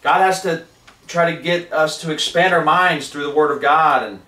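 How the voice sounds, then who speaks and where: A fervent male preacher with a rather high voice delivers a sermon in a living room. He is captured from a distance, so his voice sounds roomy and open. He reads scripture and drives his points home. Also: normal speed, sharp tone, slight background noise. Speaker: street preacher. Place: living room with wood paneling. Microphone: far camera.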